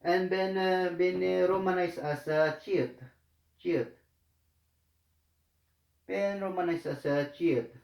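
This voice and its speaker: A man speaks slowly and haltingly, repeating phrases and filling gaps as he walks through a writing lesson step by step. His voice sits a little high. The room around him is echoey. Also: fairly even intonation, gravelly, darkish tone. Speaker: Korean language tutor.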